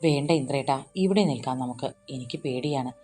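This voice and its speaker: An emotional young wife in a romantic audiobook, her voice low and soft, pleading and bashful by turns, as the woman narrator puts her on. Faint music plays underneath. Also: a little fast. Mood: shy.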